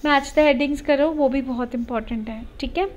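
A woman's voice: sits high, normal speed, dull audio. A woman IELTS teacher with a slight Punjabi accent runs a live online class, mixing Hindi and English and reassuring her students. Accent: Punjabi-tinged Indian English. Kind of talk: live online class, reading viewer comments.

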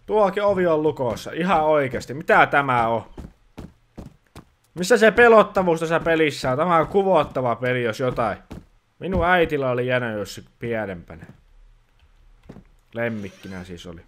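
A man talks through a let's-play in a grumbling, exasperated voice, scolding the game as he goes. His pitch sits in an ordinary middle range, and he plays a fed-up dad. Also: sing-song, pauses often, fairly bright tone, slight background noise. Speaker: gaming channel host playing a dad persona. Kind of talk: casual let's-play commentary.

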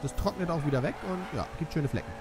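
A man's voice: on the high side, expressive, fast, noisy background. Joking young man doing game commentary. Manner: joking, self-mocking, silly voices. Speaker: let's play commentator. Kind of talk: casual gameplay commentary. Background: game music and car sounds.

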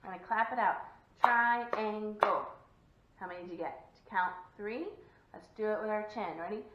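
A woman's voice: mid-range voice, fast talker. Woman teacher, young adult, sing-song and encouraging, kids' lesson, roomy, muffled lo-fi sound. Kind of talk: video lesson for young children. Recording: echoey room, dull lo-fi sound.

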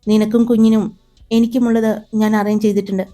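A woman reading the lines of a firm, protective young husband in a storybook, in a steady, commanding manner. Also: medium pitch, fast talker, lightly acted. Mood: calm.

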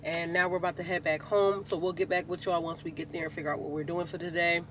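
A man's voice: on the high side, flat delivery, fast talker, fairly bright tone. A man vlogging in a car, chatting casually and animatedly to his viewers. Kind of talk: casual chat to camera. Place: inside a car. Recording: car noise behind.

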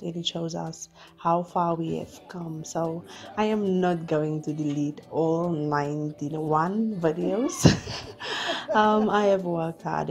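A woman in her thirties talking through her day as a vlogger in a relaxed, thoughtful way, with lots of fillers. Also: fairly low pitch, gravelly. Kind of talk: casual voice-over narration.

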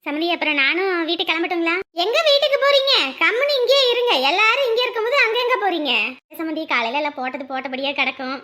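A woman playing a fussy, warmly scolding mother figure in a family drama. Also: high-pitched, little pitch movement, very fast, few pauses. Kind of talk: dubbed family serial drama.

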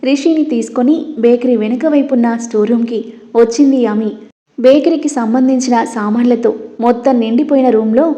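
Woman narrating a storybook, mellow. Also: fairly high pitch, brisk. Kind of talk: scripted audio story narration.

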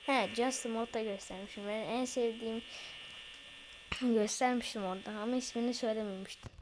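Excitable chatty girl gamer, noisy mic. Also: on the high side, a little fast. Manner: chatty, excitable, talks to viewers. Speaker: let's play gamer. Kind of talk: casual game commentary.

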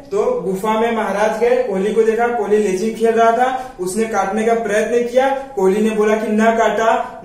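Man, teacher, high voice, quizzing and repeating, very echoey room, distant mic. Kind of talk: story-based memory lesson.

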